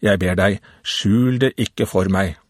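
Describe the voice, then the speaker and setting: A man reading the lines of an old, half-blind priest who speaks gently and earnestly. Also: sits low, no room sound, clean studio sound.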